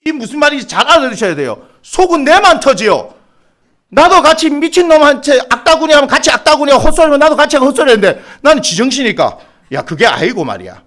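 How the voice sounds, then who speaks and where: A man's voice: very high-pitched, very animated, quick pace, few pauses, a bit bright. A middle-aged Korean pastor with a Gyeongsang accent preaching a sermon, teasing his congregation by name and bursting into mock exasperation.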